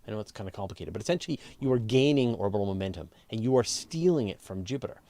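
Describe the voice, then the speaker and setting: Hosting a casual live Q&A show on space and astronomy, a man talks rapid-fire in a lowish, dark-toned voice with lively intonation. He explains things step by step in a conversational way, stressing key words.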